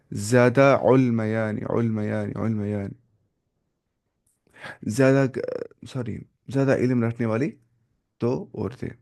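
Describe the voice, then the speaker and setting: Gravelly-voiced man teaching Arabic grammar. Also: medium pitch, a little mellow. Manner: slow and repetitive, drilling word forms with self-corrections. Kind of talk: classroom grammar lesson.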